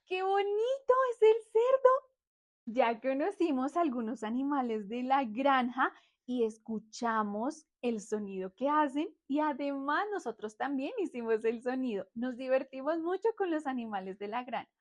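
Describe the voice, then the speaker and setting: A woman's voice: high-pitched, normal speed. A young woman teaching small children in a cheerful, exaggerated sing-song manner, and sometimes imitating animal sounds.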